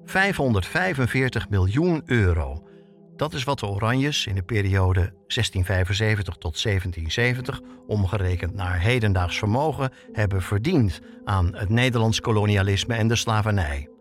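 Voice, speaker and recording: This man has a lowish voice and sounds animated at a moderate pace, with faint music behind him. A podcast host and reporter, he tells scripted documentary narration like a story, using rhetorical questions.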